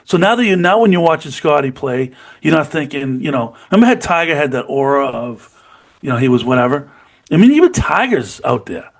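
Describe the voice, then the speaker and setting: A man's voice: a little high, very animated, fairly quick, creaky. A middle-aged man co-hosting a podcast, chatting casually and enthusiastically about golf, often saying "you know what I mean". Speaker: podcast co-host. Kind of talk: casual sports chat.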